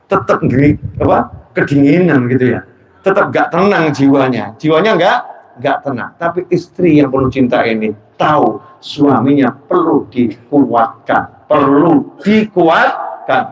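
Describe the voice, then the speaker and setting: An animated man delivers a religious sermon to a gathered audience in a middle-pitched voice. He swings between soft, drawn-out phrases and sudden loud bursts, and he acts out quoted lines in dramatized voices. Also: poor audio. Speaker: preacher.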